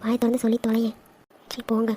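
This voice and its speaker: A woman's voice: fairly high pitch, completely flat delivery, fast talker, dark tone, slightly rough. A woman voicing the young women and mother of a family in a cartoon drama, affectionate and teasing.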